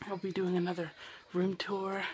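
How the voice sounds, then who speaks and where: A young man whose voice is giving out rambles to a handheld camera in his bedroom, making self-deprecating remarks in a casual vlog. His high voice is completely flat at a moderate pace. There's slight background noise.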